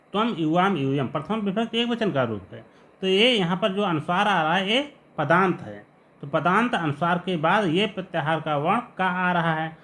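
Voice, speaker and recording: A man teaching Sanskrit grammar in a patient lesson, repeating each example word slowly. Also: sits high, fairly bright tone. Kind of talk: explanatory lesson.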